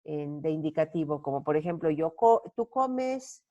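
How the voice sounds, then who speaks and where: A university lecturer recording an online class: a woman with a Mexican accent and a somewhat low voice. She explains step by step, asks her viewers questions and answers them herself. She thinks aloud, with small self-corrections and "eh"s between phrases. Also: expressive, normal speed, dark tone, lo-fi sound. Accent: Mexican Spanish.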